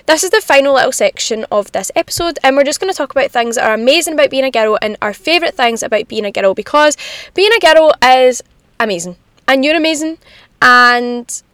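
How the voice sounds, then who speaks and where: Sitting in a parked car while it rains, a young woman chats confidingly as the solo host of her podcast, using animated, girly slang. Her pitch is fairly high and there's no room sound.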